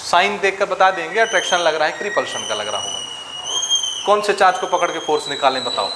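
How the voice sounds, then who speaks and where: A man's voice: a little high, expressive, a little fast, very noisy. Man teaching physics in an echoey classroom. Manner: asks students questions, works sums aloud. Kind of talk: classroom lecture.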